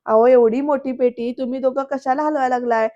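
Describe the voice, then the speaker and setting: A woman's voice: high voice, steady tone, warm tone, lo-fi sound, lightly acted. A flustered scheming young man, as a woman narrator voices him. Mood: pushy. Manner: hurried, pushy, fretful. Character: scheming agitated young man hiding a secret.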